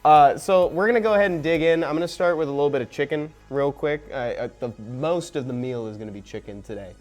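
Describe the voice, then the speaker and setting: A young man hosting a casual game live stream, chatting excitedly while eating and talking with his mouth full. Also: a little high, quick pace, faint music behind.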